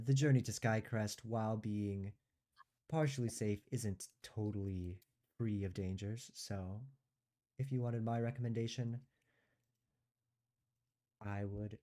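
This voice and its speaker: A man's voice: on the low side, warm tone. A man acting as game master, narrating and guiding players through a tabletop game session.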